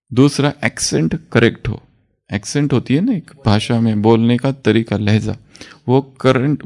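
A man's voice: medium pitch, a little mellow. A man giving a spiritual class talk as a teacher, asking his listeners questions and answering them himself, chuckling often while he explains.

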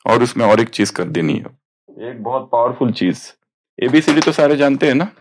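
A man's voice: mid-range voice, lively intonation, normal speed, slight background noise. A man teaching a spiritual study class, explaining points and prompting students to read aloud.

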